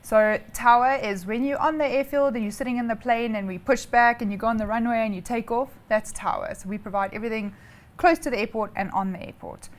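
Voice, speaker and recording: A woman with a South African accent, an air traffic controller, answers interview questions informally as a guest. Her voice is a little high and her pace brisk as she explains things step by step in a chatty way.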